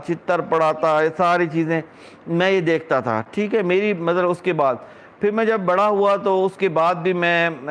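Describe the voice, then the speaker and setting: A middle-aged man from Pakistan talks straight to his audience in a loose vlog monologue. His voice sits high for a man. He rants, sounding indignant and scornful. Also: smooth. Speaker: vlogger. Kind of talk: casual monologue.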